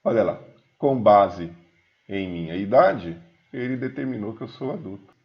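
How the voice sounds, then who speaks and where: A man's voice: on the low side, animated, lo-fi sound. Man in his fifties teaching code. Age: 50s. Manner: talks while typing, reads code aloud slowly. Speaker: programming instructor. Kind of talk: screencast coding lesson.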